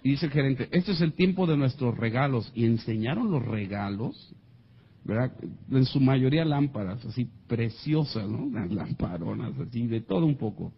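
Husky Mexican man telling a story. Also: medium pitch, moderate pace, highs cut off. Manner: animated, acts out quoted voices. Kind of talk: comic anecdote to an audience.

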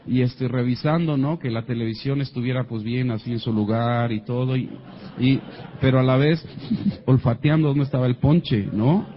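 A man's voice: medium pitch, moderate pace, muffled recording, a little hiss or hum. A man with a Mexican accent telling a comic personal story to an audience, acting out the voices of the people in it. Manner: animated, acts out quoted voices.

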